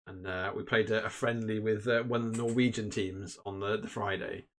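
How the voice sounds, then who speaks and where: A man's voice: on the low side, fairly even intonation, normal speed, a bit bright, a little hiss or hum. A man hosting and commentating a live tabletop game stream in a casual, chatty way, with lots of fillers and restarts. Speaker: host and commentator.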